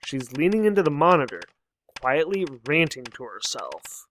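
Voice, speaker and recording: A man's voice: on the high side, big pitch swings, moderate pace, a bit bright, slight background noise. A young man casually commenting on a game as he plays, musing aloud, reading lines of dialogue and chuckling often. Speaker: let's play host.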